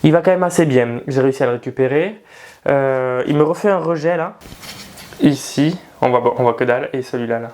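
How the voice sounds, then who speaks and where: A man's voice: mid-range voice, fairly quick, darkish tone. A young man chatting casually indoors at home about his houseplants, swearing and grumbling, hot and sweaty. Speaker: plant vlogger. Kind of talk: casual chat.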